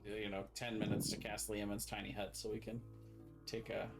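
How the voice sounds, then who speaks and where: A man's voice: fairly low pitch, monotone, moderate pace, vocal fry, over loud music. A man chatting casually as a player in a tabletop game, explaining things in a rambling way.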